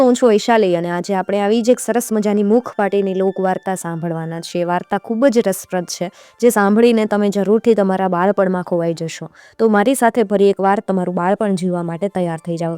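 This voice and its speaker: A woman's voice: mid-range voice, fast, few pauses, warm tone, clear, resonant tone, no echo. A woman storyteller, narrating a folk tale expressively with rhythmic repetitions.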